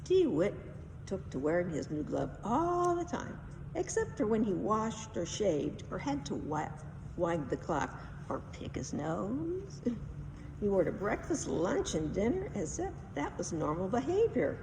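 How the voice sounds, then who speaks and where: Heard from a distant mic in an echoing hall with a little faint noise, this woman narrates a children's storybook in an expressive way. Her medium-pitched voice is very animated yet unhurried, and she leans into dramatic emphasis.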